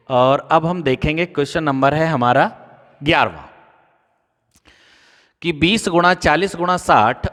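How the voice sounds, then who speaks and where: A male maths teacher with a North Indian Hindi accent, leading a whiteboard lesson in a coaching-centre classroom. He sits slightly high for a man and talks through each step, posing a question and answering it himself. His voice rings out with a long reverb. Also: a bit bright.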